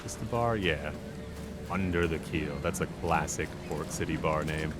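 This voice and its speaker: Low-voiced man streaming a game. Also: moderate pace. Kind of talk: casual live game commentary. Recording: music and game sound behind.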